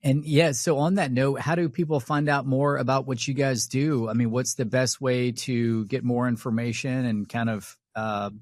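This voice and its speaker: A man's voice: medium pitch, fairly even intonation, normal speed, hardly any pauses, a little mellow, dry recording, clean studio sound. A man hosting an interview, putting questions in a casual conversational way. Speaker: interviewer, host.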